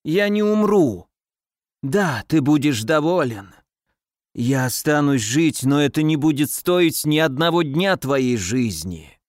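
A man reading the part of a dying old nobleman father, speaking slowly and weakly. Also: fairly high pitch, animated, dry recording, studio quality. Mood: exultant. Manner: slow, weak, muttering.

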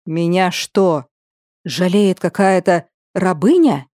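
A hot-tempered young master, voiced by a woman narrator, who drags out each harsh question slowly and menacingly. His tone stays mellow and warm despite the anger. The recording is dry and close. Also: fairly low pitch, no room sound. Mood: offended. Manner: slow, clipped, menacing questioning. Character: angry, suspicious young male master, harsh.

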